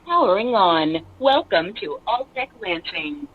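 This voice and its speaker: A woman's synthetic voice announcing from a Bluetooth speaker in a slow, deliberate, evenly paced way. Her tone still lifts and dips in a lively, sing-song manner. It sounds thin and phone-like, picked up from across the room. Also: medium pitch. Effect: played through a small Bluetooth speaker. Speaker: automated voice prompt of a Bluetooth speaker.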